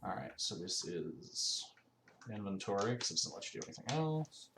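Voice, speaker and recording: Male gaming host, lowish voice, easygoing and full of ums, recorded in an echoey room with faint fan noise. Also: very animated, normal speed. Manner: rambling, filler-heavy, laid-back. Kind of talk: casual let's-play commentary. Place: room at home. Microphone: desk mic. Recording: roomy home recording with faint fan hum.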